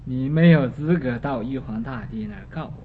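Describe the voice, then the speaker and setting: A man voicing a stern old male king of the underworld, who talks in a calm, measured, lecturing way. The recording is dull and lo-fi with a faint hiss. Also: fairly high pitch, pitched below the performer's own voice.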